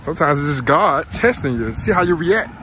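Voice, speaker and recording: Animated young Texan man bantering. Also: on the high side, brisk, noisy background. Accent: Texas. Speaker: vlogger's friend. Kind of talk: casual vlog chat.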